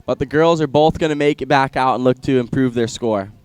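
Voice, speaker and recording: Laid-back male surf commentator, smooth voice. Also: mid-range voice, a little fast, no echo. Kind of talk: casual live sports commentary.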